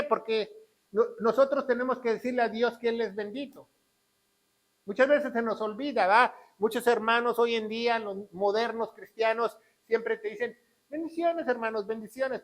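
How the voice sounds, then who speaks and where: A middle-aged man preaching a sermon as pastor, swinging between loud exclamations and quiet asides. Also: very high-pitched, low-quality recording.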